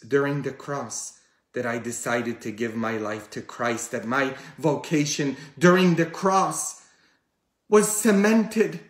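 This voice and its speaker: Male priest, middle-aged, heartfelt sermon, medium pitch, roomy echo. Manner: emotional, swinging between loud pleading and quiet intimate tones. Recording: echoey room.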